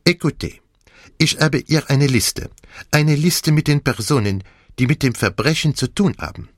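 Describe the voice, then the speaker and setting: A fussy elderly Belgian detective with a French accent, as a male narrator puts him on, pitched higher than the storyteller's own voice. He is precise and formal with a light theatrical flair. Each point comes out measured and sure, like a man who expects the room to listen. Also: expressive, dry recording, studio quality. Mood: explaining.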